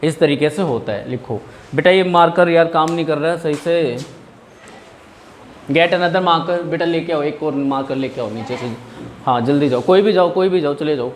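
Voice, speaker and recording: A man's voice: fairly high pitch, normal speed, a little hiss or hum. A young male teacher in a classroom, explaining English grammar in Hindi mixed with English and joking with students. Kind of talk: classroom lesson.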